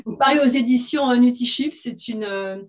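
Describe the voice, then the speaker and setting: A woman reads her own fiction aloud in a somewhat high voice. She lifts and presses her tone for quoted dialogue. When she talks about the story, she hesitates and fills with little pauses. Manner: acts out dialogue with raised pitch and force; hesitant with many fillers when chatting. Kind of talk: expressive reading aloud of fiction, then casual chat.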